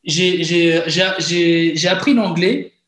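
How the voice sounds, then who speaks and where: A man's voice: on the high side, slow, fairly bright tone, reverberant. A young man from France hosting a podcast, chatting with enthusiasm, swearing casually and often tagging "tu vois". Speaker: podcast host.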